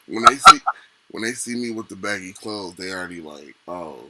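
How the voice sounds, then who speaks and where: A man's voice: fairly low pitch, huge pitch swings, unhurried, heavy background noise. A man co-hosting a podcast who talks in a laid-back, slangy way and laughs easily. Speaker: podcast co-host. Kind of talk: casual chat.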